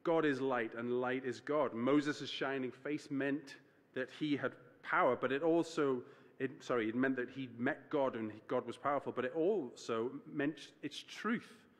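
Male preacher, mid-pitched, casual and self-correcting, heard in a reverberant church. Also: measured pace. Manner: conversational, self-correcting, explains scripture plainly. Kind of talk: sermon.

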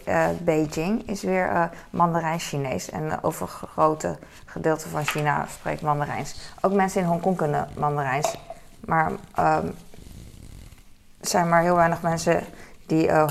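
Brief: mother in her forties with a Hong Kong accent, low gravelly voice, wandering chores chat. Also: a little hiss or hum. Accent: Hong Kong Cantonese. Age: 40s. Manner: rambling, lots of fillers. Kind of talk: casual chat while doing chores.

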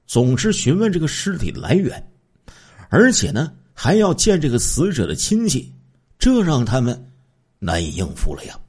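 A man's voice: fairly low pitch, a little mellow, slightly rough. A man telling a true crime story in a casual spoken style, stretching out sentence-final particles.

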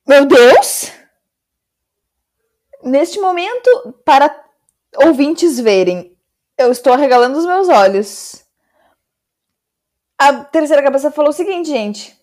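A Brazilian woman podcast host reading a story aloud and breaking off for expressive, dramatic commentary. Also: high-pitched, measured pace, pauses often. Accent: Brazilian Portuguese.

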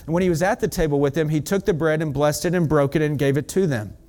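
Man, pastor, eager fast sermon, slightly high voice, church. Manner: excited, fast-talking preaching with asides to the congregation.

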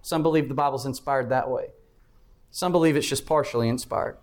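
A man's voice: mid-range voice, a little fast. A man preaching a Bible class sermon, explaining step by step and repeating key phrases for emphasis.

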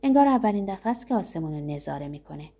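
Woman reading a novel, mellow tone. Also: fairly low pitch, breathy edge. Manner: steady, measured literary reading. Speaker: audiobook reader. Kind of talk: scripted first-person narration.

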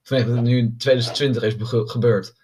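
A young man chatting casually as a podcast co-host, halting with many fillers and restarts. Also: medium pitch, fairly even intonation, a little mellow, a little hiss or hum. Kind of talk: casual chat.

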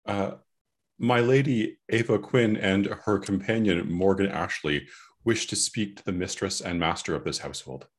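Very deep, husky-voiced man playing a game. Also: moderate pace. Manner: hesitant, starting with fillers. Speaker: player.

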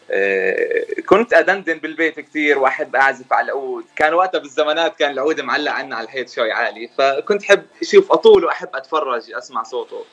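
A man's voice: medium pitch, a bit bright. A young man with a Jordanian Arabic accent, speaking casually as a singer interviewed on a show. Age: young adult. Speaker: guest singer and musician.

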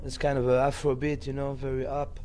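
A man's voice: medium pitch, monotone, a little fast. A man from Reunion Island, a singer and guitarist, talking in an easygoing way with many "you know"s. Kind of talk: casual interview chat. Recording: loud music behind.

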